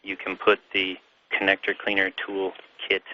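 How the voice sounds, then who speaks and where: A man's very low, monotone voice crackles through a space-to-ground radio link, like a sci-fi communicator. The sound is muffled and lo-fi with a faint hiss underneath. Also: normal speed. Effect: crackly space-to-ground radio transmission. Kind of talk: terse radio instructions.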